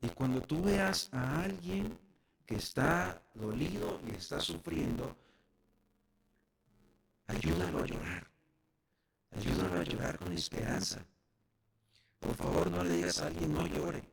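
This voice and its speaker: A man's voice: medium pitch, big pitch swings, unhurried, vocal fry, pauses often, breathy edge. A man preaching a sermon as pastor, speaking directly to the congregation.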